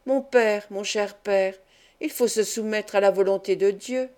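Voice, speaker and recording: A woman's voice: medium pitch, fairly even intonation, measured pace, a little mellow, natural voice. A woman reading the lines of a dissolute young nobleman who speaks to his father in a falsely pious, pleading way.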